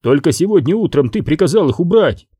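A man's voice: a little high, big pitch swings, fairly quick, mellow, breathy edge, dry recording, clean studio sound, voice pushed up. A man voicing a grumbling, defensive hitman. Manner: grumbling, pleading, mumbling excuses. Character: defensive, muttering male hitman.

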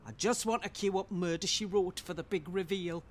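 A woman's voice: lowish voice, a little fast, natural voice. A woman acting a nosy neighbour who fancies herself a detective, smug and theatrical. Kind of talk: sitcom acting.

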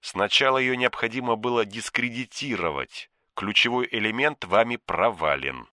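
A man's voice: mid-range voice, no room sound, clean studio sound, voice pushed up, natural voice. A man voicing a cold, menacing phone boss. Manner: quiet, contemptuous, slow and deliberate. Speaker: shadowy superior giving orders.

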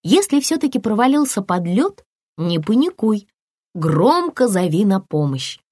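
A woman narrating a children's audiobook in an expressive storytelling voice, recorded on a close microphone. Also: unhurried, breathy edge, no echo. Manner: expressive storytelling with lively pitch.

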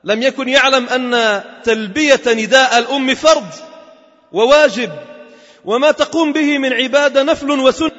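A very high-voiced preacher, fairly bright in tone and moderate in pace, tells a dramatic story during a Friday mosque sermon, drawing out phrases for effect. The sound is dull and lo-fi, with the long reverb of the mosque.

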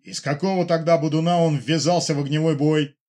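A man's voice: a little high, fairly even intonation, a little fast, warm tone, lightly acted. A man voicing a short-tempered lieutenant general who barks and scolds his officers. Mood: angry. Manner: barking, scolding orders. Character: irritable bossy male lieutenant general.

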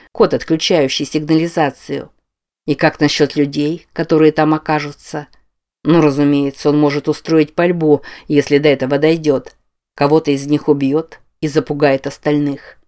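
A man reading a novel aloud as an audiobook narrator, with measured scripted narration. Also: a little high, darkish tone.

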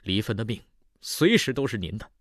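A male storyteller voicing a loyal young man who pleads earnestly in a low voice. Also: sing-song, a little slow, fairly bright tone, no room sound, clean studio sound. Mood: pleading.

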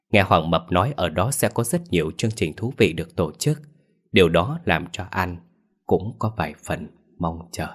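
A man reading a scripted ghost story as narrator, steady and measured. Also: low-pitched.

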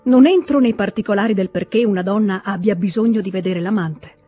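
A reader voicing a stern, cold aristocratic husband, with a shrill, curt and contemptuous manner, in an audiobook reading. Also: fairly quick, mellow, breathy edge, soft background music, close to an everyday voice.

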